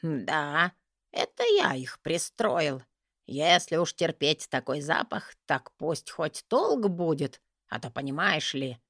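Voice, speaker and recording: A woman's voice: deep voice, expressive, a little slow, fairly bright tone, no echo, clean studio sound, full character voice. A woman voicing a fussy, theatrical male mage who grumbles and whines, in an audiobook reading. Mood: matter-of-fact.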